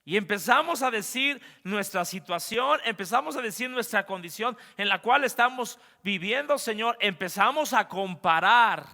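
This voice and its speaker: Brief: male pastor, high and bright, preaching in an animated way in a reverberant church hall. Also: moderate pace, hardly any pauses. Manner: animated, swings between loud and hushed, talks straight to the congregation. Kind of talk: sermon. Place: church sanctuary.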